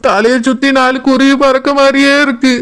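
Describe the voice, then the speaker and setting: A man's voice: extremely high pitch, little pitch movement, normal speed, fairly bright tone, smooth. A man with a Kanyakumari Tamil accent voicing a battered drunk husband who whines and pleads. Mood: pleading.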